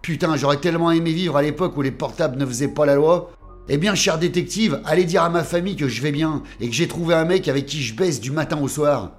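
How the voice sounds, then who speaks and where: A man's voice: a little high, quick pace, soft background music, close to an everyday voice. Male reader as a bratty swearing student girl, barely changed voice, story. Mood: scornful. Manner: scornful, swearing. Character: arrogant, foul-mouthed young woman student.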